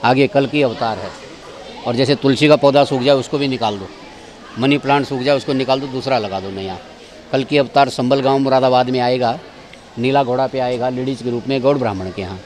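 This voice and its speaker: Male guide on an outdoor tour, mid-pitched, keeps directing visitors where to look. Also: brisk, a little mellow. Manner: directive, keeps pointing things out. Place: outdoor temple grounds.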